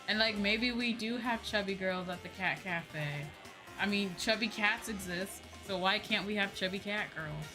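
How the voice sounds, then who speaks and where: With music in the background, this female livestreamer and VTuber host talks at a moderate pace in a mid-range voice. She games while chatting informally, wandering off on tangents and cursing without restraint.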